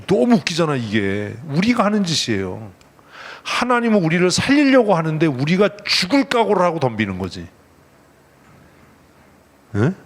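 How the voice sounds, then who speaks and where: A man preaching a lively, conversational sermon as pastor, teasing his congregation and acting out the voices in the story. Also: medium pitch. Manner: playful, teasing, acts out God's voice and the congregation. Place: church sanctuary.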